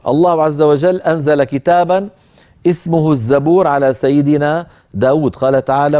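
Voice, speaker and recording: A middle-aged man teaching a Quranic reading rule, explaining in a calm, measured way and slowly chanting verse quotations. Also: fairly high pitch. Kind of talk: lecture on a tajweed poem.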